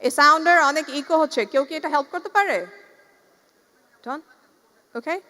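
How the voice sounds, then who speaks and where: A woman trainer running a workshop, asking her audience questions and mixing Bengali with English, her voice booming with heavy echo from the hall sound system. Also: normal speed, bright, forceful tone. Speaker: corporate communication trainer. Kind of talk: interactive training session. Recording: long echoing hall reverb.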